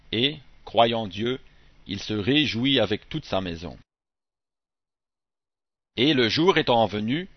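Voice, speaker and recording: A man giving a scripted Bible reading in a measured, even delivery, phrase by phrase. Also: mid-range voice, dry recording. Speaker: scripture reader. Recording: dull, dry close recording.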